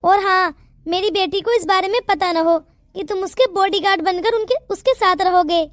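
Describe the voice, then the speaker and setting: A woman's voice: very high-pitched, normal speed, dry recording, studio quality. A woman voicing a stern, wealthy older father in a cartoon, speaking in a commanding, fatherly way. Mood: earnest.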